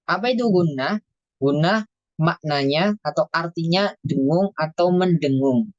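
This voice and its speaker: A teacher giving an online lesson on Quran recitation, stretching out recited phrases slowly, then explaining each point briskly. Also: medium pitch, no echo, dull audio. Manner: slow drawn-out recitation alternating with brisk explanation. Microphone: video call.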